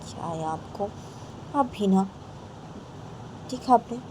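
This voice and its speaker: A woman voicing a sharp-tongued middle-aged mother who scolds her husband, in a storytelling narration. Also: lively intonation, slow pace, a little hiss or hum, rough recording. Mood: scolding. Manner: scolding, shrill.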